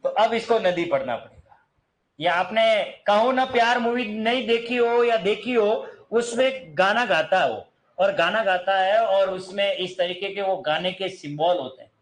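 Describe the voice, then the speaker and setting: Singing bits of songs to demonstrate long vowels, a male grammar teacher quizzes his class and supplies the answers himself. His voice sits high and he speaks a little slowly, though the audio is poor.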